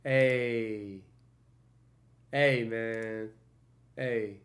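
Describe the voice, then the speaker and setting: A man hosting a reaction channel comments casually on a music video, speaking loosely in slang and bursting into quick, hyped outbursts between calmer remarks. His voice is medium in pitch.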